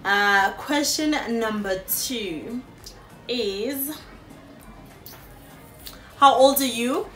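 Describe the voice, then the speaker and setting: A woman's voice: fairly high pitch, drawn-out words, long pauses, echoey room, faint music behind. A South African woman in her late twenties, chatting casually to viewers in a Q&A vlog with lots of fillers, filmed on a phone on a sofa. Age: late 20s. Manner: chatty, warm-hearted address to viewers, frequent fillers. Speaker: YouTuber. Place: indoors on a sofa in a small room. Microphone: phone camera.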